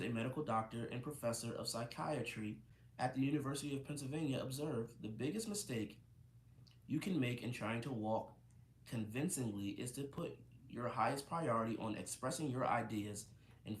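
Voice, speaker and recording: Male reader, mid pitch, casual and self-correcting, roomy recording. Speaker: host reading a book aloud. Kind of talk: reading a book aloud. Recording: roomy echo, faint ambience.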